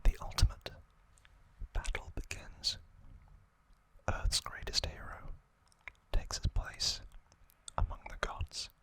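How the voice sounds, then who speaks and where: A man hosts ASMR trivia, whispering breathily without voice and sitting close to the microphone. He draws his phrases out with frequent pauses, sounding pushed and bright, and the audio is poor.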